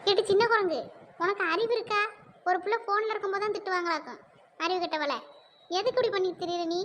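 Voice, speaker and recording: A woman's voice: extremely high pitch, fast talker, a bit bright. A woman voicing an exasperated cartoon mother who keeps scolding her two quarrelling daughters. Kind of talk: cartoon voice acting.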